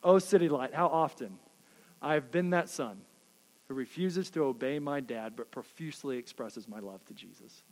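A man preaching a sermon, earnest and dynamic, dropping to a hush and then rising again. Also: medium pitch, animated, normal speed. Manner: earnest, dynamic, drops to quiet then rises. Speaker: pastor. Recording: reverberant hall.

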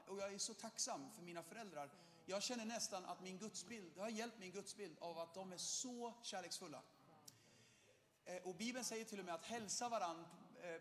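Young male preacher, high voice, lively sermon with shouted bursts, long church-hall reverb. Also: a little hiss or hum. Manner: animated, shouts in bursts, laughs often.

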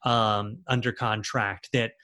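A man's voice: on the low side, level tone, slow pace, pushed and bright. A man talking as an author and screenwriter in a casual interview, rambling with lots of fillers and restarts.

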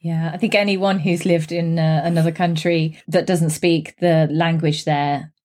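A woman's voice: deep voice, steady tone, measured pace, darkish tone. A woman hosting a podcast as an English teacher, asking a student questions in an encouraging, upbeat way. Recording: music bed under voice.

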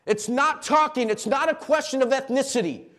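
A pastor preaching a sermon in a church and calling on the congregation to answer back. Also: male voice, very high voice, moderate pace. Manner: call-and-response preaching, rising to shouts. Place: church sanctuary.

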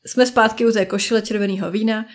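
A woman's voice: mid-range voice, fairly even intonation. A woman in her thirties, a parenting podcast host, talking in a chatty, casual way and briefly acting out friends and children. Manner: chatty, acts out friends and children in quick asides. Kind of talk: casual solo talk.

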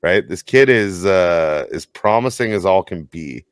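A man's voice: sits low, a little slow, smooth, dry recording, clean studio sound. A man in his thirties co-hosting a casual podcast, telling stories and laughing often. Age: 30s. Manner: animated storyteller, laughs often. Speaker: podcast co-host, tow operator. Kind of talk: casual chat.

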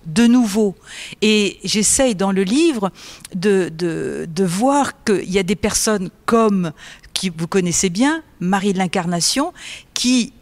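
A woman with a French accent, a religious author and theology teacher, answering interview questions in a quiet, thoughtful way at a book fair. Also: medium pitch. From France. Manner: soft-spoken, thoughtful and explanatory. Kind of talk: interview conversation.

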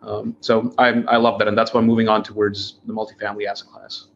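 A man's voice: lowish voice, flat delivery, quick pace, gravelly. Man on a dull, lo-fi line. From India. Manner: earnest, filler-heavy with frequent likes. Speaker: real estate investor guest. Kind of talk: casual interview answer. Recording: dull lo-fi sound with faint noise.

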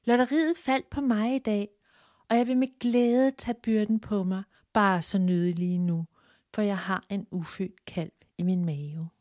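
A woman's voice: medium pitch, fairly even intonation, darkish tone, no echo, clean studio sound, lightly acted. A woman voicing a humble young doe who speaks politely and pleadingly.

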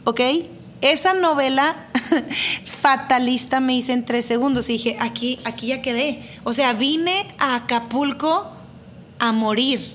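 High-voiced woman telling a story. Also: slight background noise. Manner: lively, dramatic retelling with self-deprecating laughs; repeats phrases for emphasis. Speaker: mother telling a personal story. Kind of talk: casual storytelling to camera.

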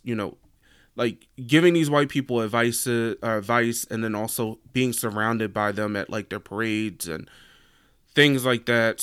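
A man's voice: lowish voice, a bit bright, clean tone, no room sound, clean studio sound. A young American man hosting a podcast on his own, chatting casually and rambling with lots of "like" fillers. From United States. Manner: rambling, heavy use of "like" fillers. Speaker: podcast host. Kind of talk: casual solo podcast chat.

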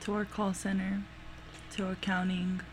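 Woman co-host, mid-pitched voice, chatty and giggly, faint background hiss. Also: monotone, normal speed. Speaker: podcast co-host. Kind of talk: casual podcast chat.

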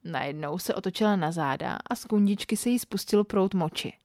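A woman reading a story aloud as scripted narration, in a steady, matter-of-fact way. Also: medium pitch, no room sound, clean studio sound.

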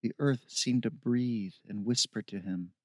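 A man narrating a story in a steady, measured reading. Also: mid-range voice, dry recording. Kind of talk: audiobook narration.

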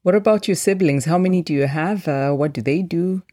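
Deep-voiced, mellow female interviewer. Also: brisk. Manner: affirming with frequent soft backchannels. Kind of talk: interview questions.

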